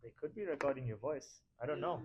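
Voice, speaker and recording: A man's voice: medium pitch, fast, darkish tone, muffled recording, slight background noise. A man presenting a live demo, explaining a voice-cloning tool in an easygoing way.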